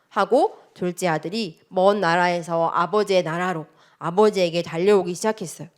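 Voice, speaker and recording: Woman preaching to children. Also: mid-range voice. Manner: storytelling, asks children many questions. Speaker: children's ministry teacher. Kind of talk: children's sermon.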